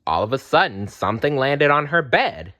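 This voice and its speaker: A man with a medium-pitched voice reads a children's story aloud at a normal speed, telling it in an expressive storytelling style.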